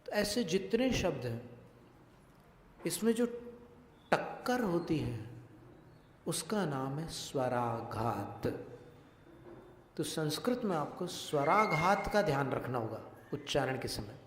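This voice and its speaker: A male monk giving a religious discourse, teaching Sanskrit pronunciation slowly and deliberately and putting questions to his listeners. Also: a little high, big pitch swings. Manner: slow, deliberate, questions the audience. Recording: echoey hall with long reverb.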